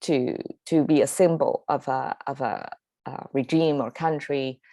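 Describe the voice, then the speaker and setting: A woman's voice: rumbling low, a little slow, dark tone, no echo. A woman whose first language is Mandarin, hosting a casual Chinese lesson and explaining words in English with a Chinese accent, many fillers and self-corrections. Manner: conversational, with frequent fillers and self-corrections, occasional laughs. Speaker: Chinese language teacher and podcast host.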